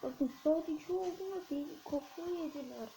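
A woman playing a horror game and commenting casually, jumpy and exclaiming, counting under her breath to stay calm. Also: high voice, normal speed, soft background music, poor audio. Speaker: gamer streamer.

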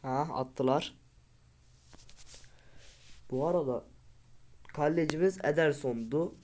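A man's voice: on the high side, slow, darkish tone. A man giving casual commentary over a football video game, with frustrated outbursts and pleading at his players. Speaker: gaming video creator.

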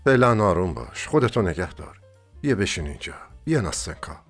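A lovesick young dreamer, read by a male narrator, speaks urgently with a lively, rising and falling voice. His pleas are impassioned and earnest. Faint music plays behind. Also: sits low.

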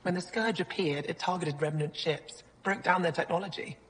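A woman's voice: fairly low pitch, normal speed, close to an everyday voice. An actress voicing a thoughtful female alien museum curator in a video game. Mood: explanatory. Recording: reverberant game audio.

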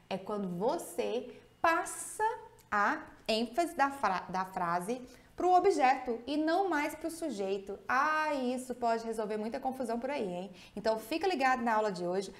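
Upbeat Brazilian English teacher, woman. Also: a little high. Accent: Brazilian Portuguese. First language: Portuguese. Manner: lively, asks the viewer many questions. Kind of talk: online grammar lesson.

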